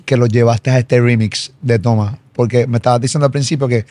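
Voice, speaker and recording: A man's voice: medium pitch, steady tone, fairly quick, a little mellow, no room sound. Puerto Rican male host, dry studio sound. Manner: short backchannel replies and loose questions. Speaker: show host. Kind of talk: casual interview talk.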